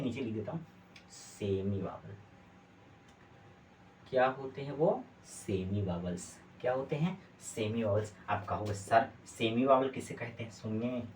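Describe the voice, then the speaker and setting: Male teacher, classroom lesson, quizzes students over and over, distant mic with faint hiss. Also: medium pitch. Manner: asks students repeated check questions.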